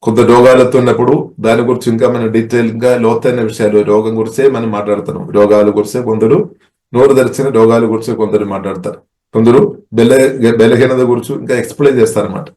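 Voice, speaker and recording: A man from India preaching a sermon as a pastor, with a halting delivery full of restarts and filler phrases. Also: mid-range voice, steady tone, warm tone, roomy sound.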